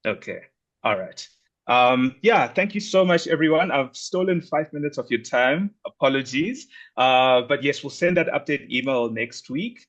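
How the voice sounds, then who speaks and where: A man wraps up a webinar over a video call. He sounds earnest and apologetic, pausing and restarting as he goes, at an ordinary pitch for a man. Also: expressive, fairly bright tone, highs cut off. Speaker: webinar host. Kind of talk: closing remarks on a video call.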